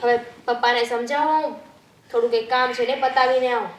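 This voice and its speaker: A woman plays a young daughter soothing her irate father. Her voice is high, heard in an echoey room with a faint hiss behind it. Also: steady tone, brisk, natural voice. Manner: pleading, peace-making. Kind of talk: Gujarati film acting.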